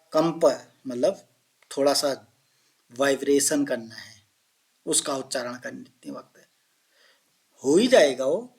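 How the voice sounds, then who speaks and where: A man teaching Sanskrit pronunciation, explaining each point and chanting example words slowly while asking his pupils questions. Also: fairly high pitch. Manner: addresses listeners as children. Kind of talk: classroom explanation of Sanskrit phonetics.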